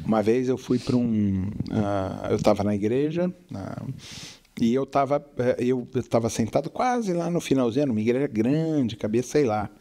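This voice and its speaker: A man's voice: mid-range voice, lively intonation, normal speed, mellow. A middle-aged man, the father co-hosting, telling a story casually and often checking that his listener follows. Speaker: co-host, father. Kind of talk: casual storytelling chat on faith.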